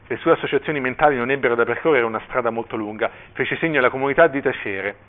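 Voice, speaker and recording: Un uomo che legge ad alta voce un brano di romanzo con espressività, con qualche breve commento. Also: male voice, medium pitch, very fast. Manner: expressive reading with brief asides. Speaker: reader at a cultural event. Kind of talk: reading a novel excerpt aloud. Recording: tinny phone-like line.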